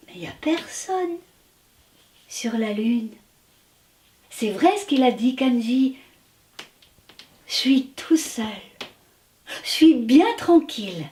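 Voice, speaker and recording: A woman voicing a lonely little boy alone on the moon, in a high, plaintive, childlike voice, telling a children's story. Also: warm tone, reverberant, far from the mic. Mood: lonely calm.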